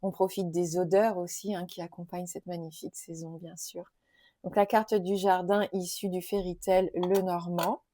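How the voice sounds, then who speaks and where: A woman presenting oracle and tarot cards in a casual video, chatty and gentle, with many fillers. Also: fairly low pitch, level tone, normal speed, no room sound. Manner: gentle, enthusiastic about nature and cards. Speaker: tarot and oracle card youtuber. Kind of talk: casual card-showing tag video.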